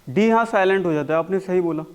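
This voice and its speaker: A man teaching a spoken English class, mixing Hindi and English and slowly repeating words for his students to copy. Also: high-pitched, a little mellow, clean tone. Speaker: English communication coach.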